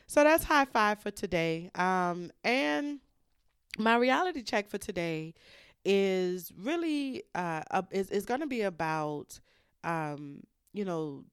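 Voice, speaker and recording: A woman hosting a podcast, telling a story in a chatty, animated way, acting out the people she quotes. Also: medium pitch, vocal fry, smooth, no room sound, studio quality. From United States. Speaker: podcast host. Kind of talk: casual storytelling monologue. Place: hotel room.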